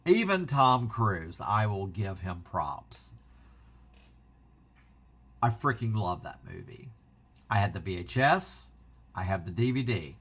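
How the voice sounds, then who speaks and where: A man hosting a casual vlog, talking in an excitable, rambling way and interrupting himself often. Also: lowish voice, slow, long pauses, husky. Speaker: physical media channel host.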